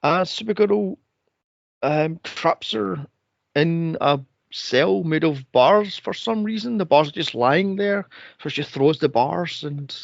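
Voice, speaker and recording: A man's voice: a little high, takes it slowly, vocal fry, dry recording, lo-fi sound. A man co-hosting a movie podcast, retelling scenes with sarcasm, swearing and exasperation. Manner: sarcastic, exasperated, swears a lot, mocks scenes in put-on voices. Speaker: podcast co-host. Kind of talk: casual movie review chat.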